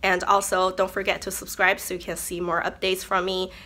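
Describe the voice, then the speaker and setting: A woman talks casually to her viewers as a beauty vlogger, her voice worn by illness. Her tone sits a little low but comes through bright and sharp. She chats easily and keeps reassuring herself. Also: monotone, brisk. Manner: chatty, self-reassuring, talks through numbers. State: sick voice. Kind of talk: casual chat to camera.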